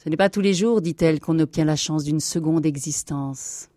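A woman voicing a gentle, reassuring mother in a read-aloud story. Her hushed tone is low and mellow, and it is recorded close and dry. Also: moderate pace, dry recording, natural voice. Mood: tender.

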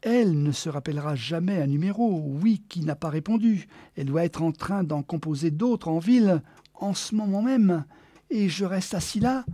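A frantic, lonely man left alone on Mars, as a storyteller puts him on, with a fairly high, dry voice. He yells desperately in bursts, then sinks into muttering to himself. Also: expressive, normal speed, no room sound.

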